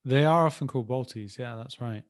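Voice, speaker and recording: A man's voice: medium pitch, fairly quick. A man from the Birmingham area co-hosting a casual podcast, answering in a hesitant, thoughtful way. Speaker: podcast co-host. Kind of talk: casual chat.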